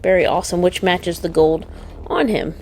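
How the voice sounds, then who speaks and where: Co-hosting a toy unboxing show, this woman sounds a little mellow, her voice on the low side at a moderate pace. She's chatty and keen as she draws attention to details in the casual show-and-tell. Faint background noise runs through it.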